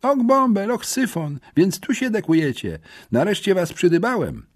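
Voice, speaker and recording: A man voicing an excitable, squeaky young schoolboy who talks eagerly and rambles. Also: normal speed, dry recording, studio quality, exaggerated voice. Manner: high-pitched, eager, rambling.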